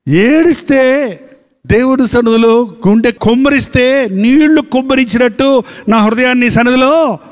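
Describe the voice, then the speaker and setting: High-voiced preaching man in a hall. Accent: Telugu. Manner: preaching with rhetorical questions and repetition. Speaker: pastor. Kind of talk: sermon. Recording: long hall reverb.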